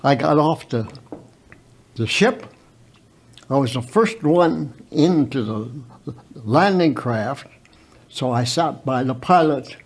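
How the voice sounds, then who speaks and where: A very old man of about a hundred telling his own story unscripted as a veteran guest, haltingly, with repeated words and stammered starts. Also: medium pitch, lively intonation, slightly rough. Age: very old, around 100.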